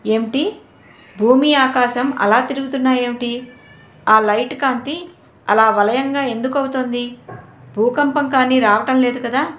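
A woman's voice: high-pitched, fairly even intonation, unhurried, pauses often, a bit bright. A woman reading the lines of a distraught young woman who anxiously searches for her lover, in a roomy echo. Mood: dazed. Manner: anxious, pleading questions.

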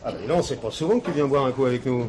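A man's voice: medium pitch, expressive, very fast, a little mellow, slight background noise, close to an everyday voice. An actor playing a friendly, earnest factory union man chatting with a workmate, in 1970s TV drama style. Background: bar crowd chatter.

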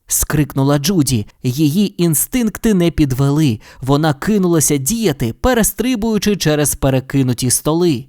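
A woman narrating an audio storybook in an expressive, animated way. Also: low-pitched, normal speed, hardly any pauses, no echo, clean studio sound.

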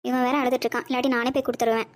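A woman's voice: on the high side, flat delivery, very fast, close to an everyday voice. A woman voicing a young wife and mother in a cartoon, bossy but sweet, chirpy and scolding.

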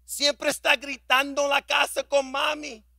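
A man's voice: very high-pitched, flat delivery, a little slow, vocal fry, sharp tone, no room sound, studio quality, pitched above the performer's own voice, exaggerated voice. A man voicing his daughters scolding dad. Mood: reproachful. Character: his young daughters scolding their father.

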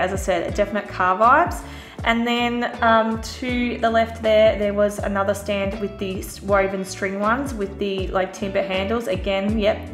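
A chatty woman talks through a store haul in a relaxed, easygoing way, full of little fillers. Her voice sits at an ordinary middle pitch. The recording is roomy, with faint music underneath. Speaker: vlogger. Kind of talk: casual shop-with-me voice-over.

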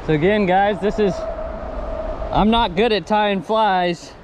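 A man fishing outdoors by a river, calling out excitedly to his viewers as he lands fish, recorded on a head-mounted camera. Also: high voice. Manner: enthusiastic, keeps calling out to viewers. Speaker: fishing vlogger. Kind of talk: excited on-the-spot commentary. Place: outdoors by a river under a bridge. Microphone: head-mounted action camera. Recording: action-camera audio over loud stream noise. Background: rushing stream water.

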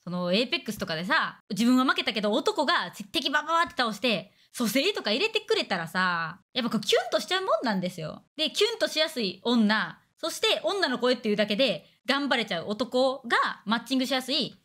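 A young woman streamer with a Kansai accent rattles through a casual chat at high speed. Her voice sits slightly high and swings widely in pitch. She talks bluntly and crudely. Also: big pitch swings, a bit bright. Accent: Kansai Japanese. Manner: blunt, crude, fast banter with acted-out quotes.

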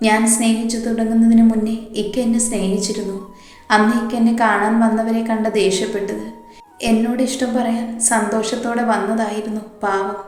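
A woman's voice: a little high, level tone, moderate pace, darkish tone, soft background music, natural voice. A woman voicing a heartbroken young woman who speaks through tears, in a story reading in an echoey room. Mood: tearful. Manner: tearful, trembling.

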